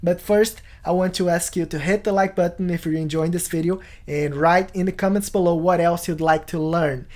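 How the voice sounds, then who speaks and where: A man's voice: sits high, steady tone, normal speed, hardly any pauses, darkish tone. A man in his thirties explaining things as a video tutorial host in a small home studio. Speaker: music production tutorial host.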